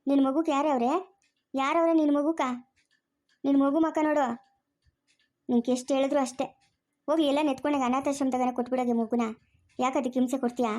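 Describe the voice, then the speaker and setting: A woman playing a sharp-tongued grandmother who scolds her daughter-in-law, speaking rural Chikkaballapur Kannada. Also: high-pitched, fairly even intonation, close to an everyday voice. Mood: lecturing. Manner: scolding, rapid and raised. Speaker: grandmother character. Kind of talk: family drama acting.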